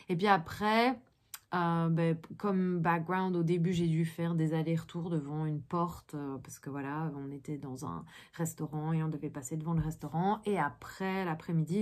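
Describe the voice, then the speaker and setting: A woman's voice: fairly low pitch, a little mellow. A woman with a Belgian French accent, an actress chatting casually through a day-in-the-life vlog in a loose, rambling way. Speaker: actress and vlogger.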